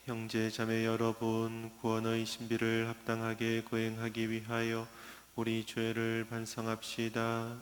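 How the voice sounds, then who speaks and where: Male priest saying mass prayers, slow and solemn, huge church echo. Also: fairly low pitch, monotone, slight background noise. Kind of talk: solemn liturgical prayer, partly intoned. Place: large echoing church. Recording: echoey church with long reverb.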